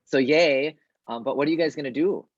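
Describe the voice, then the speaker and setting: A man narrating as game master of a tabletop role-playing game, halting and full of fillers, with bouts of coughing. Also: a little high, dry recording, highs cut off. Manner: halting, many fillers and restarts. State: coughing fits.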